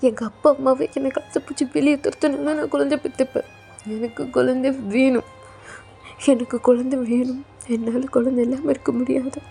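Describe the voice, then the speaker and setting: A woman's voice: sits high, flat delivery, fairly quick, creaky, mellow, faint music behind. A woman voicing a young man who pleads tearfully and insistently with his lover for a child, in a fan audio drama. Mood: defiant.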